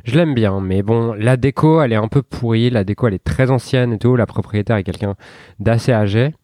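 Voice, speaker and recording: A man's voice: mid-range voice, a little fast, warm tone, dry recording, clean studio sound. A young man hosting a podcast, talking informally and directly to the listener, with loose restarts and fillers. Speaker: podcast host. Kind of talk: casual spoken podcast monologue.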